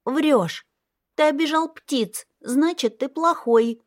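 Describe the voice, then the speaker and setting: A woman's voice: slow, no room sound, studio quality. A woman doing a stubborn little girl princess. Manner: whiny, insistent, high childish voice. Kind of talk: audiobook character voice.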